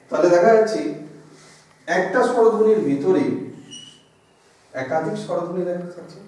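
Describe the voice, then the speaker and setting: A man's voice: fairly high pitch, warm tone. A man teaching a grammar lesson in a classroom, explaining step by step and drawing out sounds to demonstrate them. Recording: echoey room from far off.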